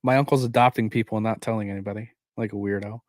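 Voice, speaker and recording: A man's voice: fairly low pitch, fairly even intonation, very fast, a little mellow, dry recording. A man co-hosting a casual streamed podcast chat, often repeating words as he starts a sentence. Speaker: podcast co-host.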